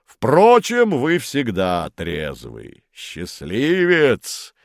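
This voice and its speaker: A man voicing a booming blustery baron. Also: huge pitch swings, very slow, gravelly, no echo, studio quality, heavily acted. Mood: booming jovial. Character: huge boisterous red-cheeked male baron, hearty drinker.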